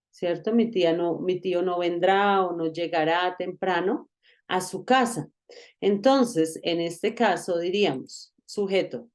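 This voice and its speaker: A Colombian woman leads an online grammar lesson at an unhurried pace. Her voice is warm and mellow and sits a little low. She explains patiently and keeps checking that her student is following. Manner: patient, explains slowly with many checks for understanding. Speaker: English teacher.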